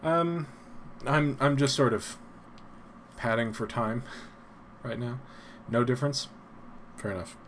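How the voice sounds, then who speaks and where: A man with a soft, breathy voice hosts a casual live stream in the manner of an old-timey radio announcer. He is low-spoken and takes his time, rambling along in a self-deprecating way. Faint noise sits behind his voice. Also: takes it slowly.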